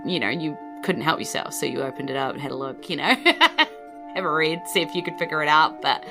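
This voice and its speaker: Music plays behind this deep, animated, brisk female voice. She's a New Zealander running a tabletop game as game master, improvising vivid descriptions in a chatty way and frequently tossing in "you know."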